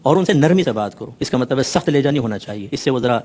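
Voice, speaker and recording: A man's voice: mid-range voice, expressive, a little mellow. Earnest male scholar explaining scripture. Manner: earnest, explanatory, with teasing asides; mixes English words into his talk. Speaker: Islamic scholar. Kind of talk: religious discourse explaining a Quran verse.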